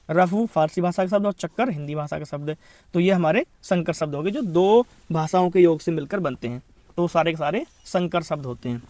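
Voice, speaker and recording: High-voiced man teaching grammar. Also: a little mellow, no echo. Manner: lists words rapidly, repeats "thik hai" as a check-in. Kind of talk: exam-prep video lesson.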